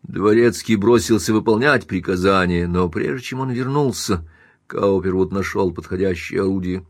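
A male audiobook narrator reading a classic novel with a dramatic, measured delivery. His voice sits on the low side and the recording is dry, close and free of room sound. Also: no room sound.

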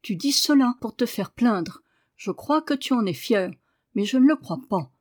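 A woman reading aloud and voicing a stubborn, sharp-tongued young girl who shouts loud, cutting retorts. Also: fairly high pitch, lively intonation, moderate pace. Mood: angry defiant.

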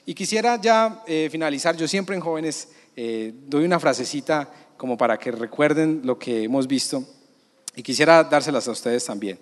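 A Colombian pastor preaches from the pulpit, his fairly high voice moving between quiet, close moments and loud swells. He tells stories to the congregation. A long church reverb hangs on every phrase. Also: moderate pace. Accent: Colombian Spanish. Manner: storytelling, swings from hushed to loud. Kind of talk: sermon. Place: church hall.

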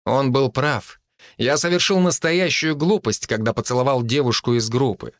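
A man reading a first-person audiobook in a steady, measured way. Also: mid-range voice, no room sound, clean studio sound. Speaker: audiobook narrator.

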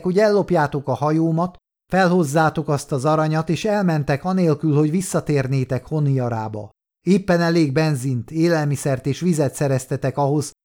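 A man narrating a first-person crime story in a calm, measured reading. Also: a little high. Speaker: audiobook narrator.

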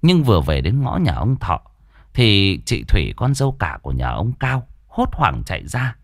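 A man's voice: lowish voice, wildly swooping pitch, moderate pace, creaky, no echo, clean studio sound. A man narrating a ghost story in a dramatic, suspenseful way.

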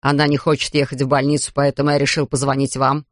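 A man's voice: mid-range voice, completely flat delivery, fast, a bit bright, dry recording, clean studio sound, pitched below the performer's own voice, natural voice. A reader voicing an alarmed man who phones a doctor and begs her to come urgently, speaking respectfully. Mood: urgent worried. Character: worried older man calling a doctor.

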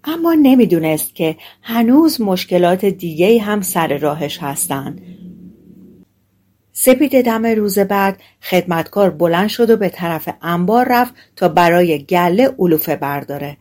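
A woman narrating a fairy tale audiobook in a relaxed, colloquial storytelling way. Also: fairly low pitch.

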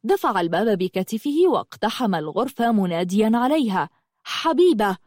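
A woman narrating an audiobook in an expressive, dramatic reading style. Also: mid-range voice, normal speed, dry recording, clean studio sound. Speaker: storyteller.

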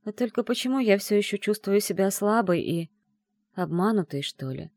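A woman reading a first-person novel aloud in an expressive, emotional way. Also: mid-range voice, normal speed, no echo, clean studio sound. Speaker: audiobook narrator.

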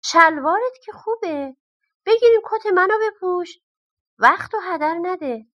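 A woman doing a shrill scheming miser. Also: animated, bright, forceful tone, muffled recording, full character voice. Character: sly greedy male miser, whiny.

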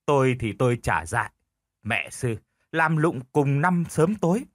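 A man's voice: medium pitch, lively intonation, unhurried, no room sound, clean studio sound. Man doing a stubborn, lazy old village husband. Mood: stubborn bickering. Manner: stubborn, quarrelsome.

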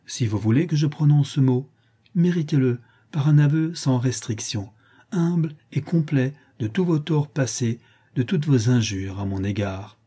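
An imperious old countess, high and cutting, her voice swelling into harsh, loud commands, as a male audiobook reader puts her on. She sounds mellow and husky underneath, haughty and cold. It is a storybook reading. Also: moderate pace, lightly acted. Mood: cold, lecturing. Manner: haughty, scolding, rising to furious commands.

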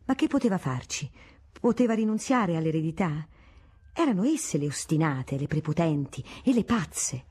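A woman narrating a classic novel as an audiobook in a steady, measured storytelling manner. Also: low voice, slightly rough.

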